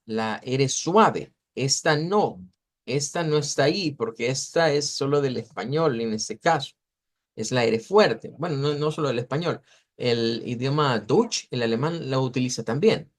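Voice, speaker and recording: A man teaching an English phonetics class in an explanatory way. He often checks in with his students and slows down to model sounds. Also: on the high side. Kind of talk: online class lecture.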